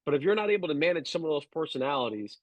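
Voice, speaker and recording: A man talking sports as a podcast guest, measured and analytical, with frequent fillers and restarts. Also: a little high, animated, dry recording, low-quality recording. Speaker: guest sports radio producer. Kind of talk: casual sports podcast chat.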